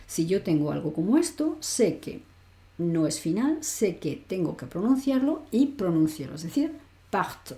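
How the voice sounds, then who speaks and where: A woman's voice: medium pitch, dark tone, roomy sound. A woman teaching a French grammar lesson online, explaining step by step and often checking in with the learner. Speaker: language teacher.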